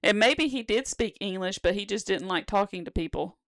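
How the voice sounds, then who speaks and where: Brief: woman, 30s, podcast co-host, gravelly and playful. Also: mid-range voice, animated, a little fast, fairly bright tone, dry recording, studio quality. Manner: laughs often, playful. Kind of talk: casual chat.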